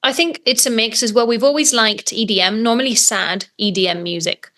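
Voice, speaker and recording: A woman's voice: on the high side, fairly quick, fairly bright tone. A young adult woman, a metal singer, chatting enthusiastically in an interview, with plenty of ums and restarts. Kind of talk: casual interview chat.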